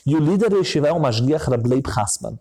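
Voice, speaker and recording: Male preacher, storytelling sermon, wide emotional swings in pitch, occasional chanted prayer lines. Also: lively intonation, fast talker. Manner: emotional storytelling, rising to near-shouting peaks, then dropping low.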